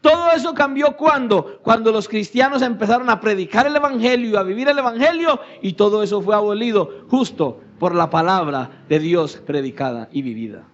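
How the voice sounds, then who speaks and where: A male pastor preaching a sermon, rising to shouted peaks and dropping to hushed, low phrases. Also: expressive, normal speed, few pauses, lo-fi sound.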